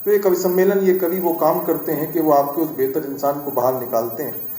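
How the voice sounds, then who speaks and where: A middle-aged male poet speaks to a live audience on a stage mic, his voice mellow and a touch high. He talks in an earnest, reflective way, building toward his poem. The large hall adds a roomy echo. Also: steady tone, fairly quick. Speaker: satirical poet. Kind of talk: live address before a poetry reading. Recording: echoey live hall sound.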